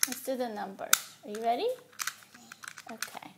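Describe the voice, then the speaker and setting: A woman's voice: on the high side, normal speed. A young woman reading and counting with her toddler, using simple repeated phrases and encouragement, switching between English and Portuguese. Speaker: mother teaching her toddler. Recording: noisy home recording with clicks.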